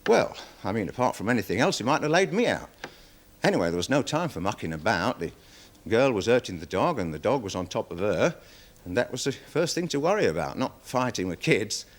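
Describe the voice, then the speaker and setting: An actor playing a nervous, deferential security guard testifying in a 1970s television courtroom drama, rambling with many fillers. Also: male voice, fairly low pitch, very animated, a little fast. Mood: worried, defensive. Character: nervous security guard witness, dog handler. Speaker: witness in court.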